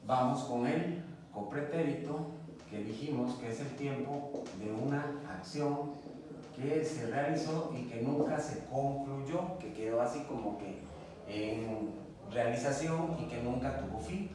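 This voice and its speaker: Slow, patient male teacher in an echoey room. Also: medium pitch. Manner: patient, spells out each form step by step. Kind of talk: slow classroom grammar lesson. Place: classroom at a board. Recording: echoey room, distant mic, faint noise.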